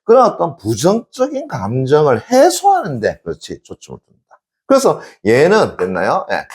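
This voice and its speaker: This male exam-prep teacher lectures his class in a fairly high voice whose pitch swoops wildly, speaking at normal speed. He runs a call-and-response style, repeatedly asking "됐니?" and answering himself, and emphatically shouts out examples.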